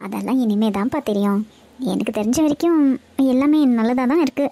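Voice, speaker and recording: A young cartoon woman talks warmly to her father and her little niece, voiced by a woman. The voice sits high but mellow. The recording is dry. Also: lively intonation, fairly quick, no echo. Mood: gentle. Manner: warm, reassuring, plain speech. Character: young woman, cheerful aunt, dutiful daughter.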